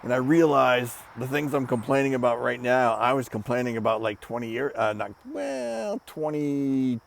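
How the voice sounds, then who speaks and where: A middle-aged man gives a casual, rambling personal update, out of breath with short shallow breathing and halting between brief phrases. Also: mid-range voice, expressive, creaky. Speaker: vlogger giving a personal health update. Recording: outdoor background noise with passing traffic. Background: birds, traffic and motorcycles.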